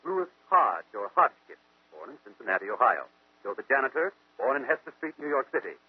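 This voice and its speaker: With a mid-range, breathy voice that swings widely in pitch, a man plays a brilliant American detective in the style of 1940s radio mysteries. He works through his deductions step by step, confident and deliberate, posing questions and answering them. There's no echo, but the sound is muffled and phone-like, like a vintage broadcast.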